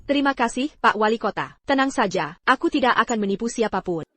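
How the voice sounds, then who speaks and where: A woman's voice: fairly high pitch, expressive, a little fast, pushed and bright. A woman playing a confident, enterprising businesswoman in a dubbed drama. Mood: composed, businesslike. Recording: background music.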